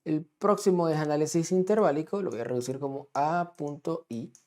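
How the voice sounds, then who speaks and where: A man teaching music with a dark, mellow voice. He explains things patiently and keeps checking that his students follow along. He sketches on a diagram as he talks. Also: on the high side, brisk. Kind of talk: explanatory lesson, drawing on a diagram.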